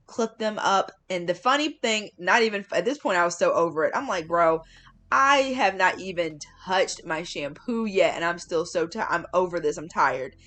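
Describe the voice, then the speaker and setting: A woman with a slightly low-pitched voice narrates a casual how-to vlog. She talks in an informal, chatty way and stresses words for emphasis. It sounds like a relaxed voiceover explaining a routine step by step. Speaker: hair care vlogger.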